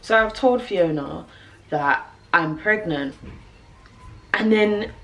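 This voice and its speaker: A young British woman telling a personal story to camera, animated and laughing, with lots of fillers. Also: fairly low pitch, takes it slowly. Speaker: vlogger.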